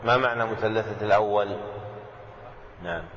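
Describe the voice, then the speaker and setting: Sheikh teaching in an echoey hall. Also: male voice, lowish voice, noisy background. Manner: measured, repeats key phrases for dictation. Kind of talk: classical Islamic lesson commentary. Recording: echoey hall, dull lo-fi audio.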